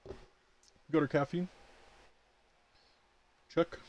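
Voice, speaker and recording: A man's voice: on the high side, fairly even intonation, slow pace, highs cut off. A tired man streaming a game live, chatting and boasting playfully to his chat. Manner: boastful, playful trash talk. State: tired, yawning. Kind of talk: live gameplay commentary.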